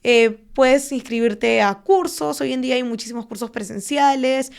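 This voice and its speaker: A young woman with a smooth, resonant voice pitched a little high talks through finance as an interview guest. She explains in a measured, patient way, padding her thoughts with fillers and little "right?" tags. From Peru. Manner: measured, explanatory, frequent fillers and tag questions. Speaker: guest, stock trader and finance content creator. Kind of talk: conversational interview.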